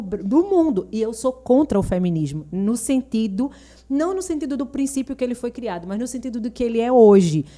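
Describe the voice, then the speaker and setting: A middle-aged woman, a mother appearing as a guest on a school podcast, chatting frankly and telling lively family stories. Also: a little high. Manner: lively storyteller who acts out family dialogue; frank and opinionated. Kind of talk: casual podcast chat.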